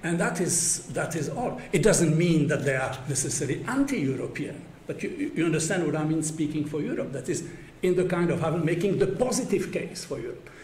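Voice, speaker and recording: Older male academic speaker, raised pitch, hesitant delivery, roomy hall with faint hum. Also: expressive, a little fast, a little mellow. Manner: hesitant, many stacked fillers, wry chuckles. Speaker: conference speaker. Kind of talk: academic conference talk. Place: university seminar room. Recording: echoey room, faint background hum.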